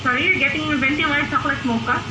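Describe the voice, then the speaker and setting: A high-pitched, fast-talking woman takes orders through a drive-thru intercom speaker. Her polite, scripted service phrasing sounds distant and echoey. Steady traffic noise runs behind her. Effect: heard through a drive-thru intercom speaker. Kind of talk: customer service order-taking. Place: outdoor drive-thru lane, recorded from inside a car.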